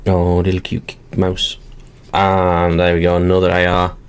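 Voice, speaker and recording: A man with a low voice gives casual, running commentary as he works through a box of card packs. He is chatty and narrates each small step aloud as he goes. A faint background hiss sits under his voice. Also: completely flat delivery, unhurried. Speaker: channel host.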